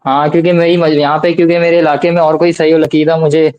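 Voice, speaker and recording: A male caller with a slightly raised pitch and a mellow, dark tone. He answers defensively and hesitantly, often breaking off and starting his sentences again. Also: little pitch movement, highs cut off. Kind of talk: live debate call-in.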